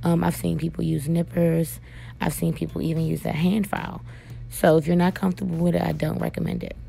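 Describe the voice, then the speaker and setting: Woman, hoarse, gravelly, mellow tone, chatty tutorial narration. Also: fairly low pitch, level tone, fairly quick, soft background music. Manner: chatty, addresses viewers as "you guys", frequent "um". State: hoarse, voice cracking. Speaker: nail technician and beauty vlogger. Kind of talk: casual tutorial narration to viewers.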